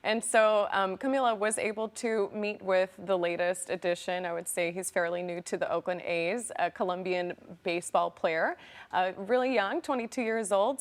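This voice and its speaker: A young woman reporter from California, a guest on a studio talk show, speaking in an enthusiastic, polished way. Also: mid-range voice. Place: TV studio set. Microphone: lapel mic.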